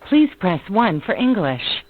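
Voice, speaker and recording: A woman's voice in a recorded automated phone menu, slowly reading out prompts over a tinny phone line. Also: medium pitch, very animated. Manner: slow, deliberate prompt reading. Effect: recorded automated phone menu message.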